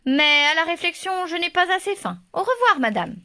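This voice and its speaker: A woman voicing a softhearted hungry wolf. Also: extremely high pitch, very animated, normal speed, pitched above the performer's own voice, full character voice. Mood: grumbling. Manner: gruff then softhearted, grumbling. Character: sentimental hungry young male wolf.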